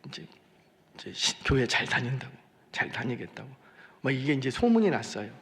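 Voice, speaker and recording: A man preaching a sermon as senior pastor, animated and repeating phrases for emphasis, in a church sanctuary. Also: medium pitch, vocal fry, long reverb tail.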